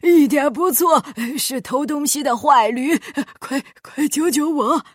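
A woman's voice: a little high, animated, a little slow, dry recording, clean studio sound. A woman voicing a pompous, bullying middle-aged male magistrate in a storybook reading, blustering and stammering. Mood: panicked. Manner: blustering, shouting, stammering in panic.

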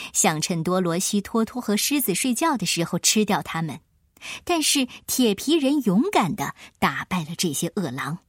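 A woman storyteller giving expressive scripted narration of a children's tale. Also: fairly low pitch, dry recording, clean studio sound.

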